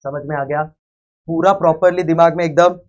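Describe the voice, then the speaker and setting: A man with an Indian accent teaching accounting to a live class, loud and emphatic, constantly asking the students check questions and mixing English phrases into his talk. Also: on the high side, steady tone, a little fast, lo-fi sound. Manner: mixes English phrases into Hindi; loud and emphatic, sometimes calling out. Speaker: accounting lecturer. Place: lecture hall with a live class.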